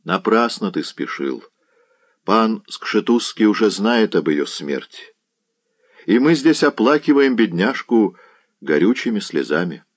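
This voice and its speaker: A man doing a calm, grave little knight. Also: lowish voice, unhurried.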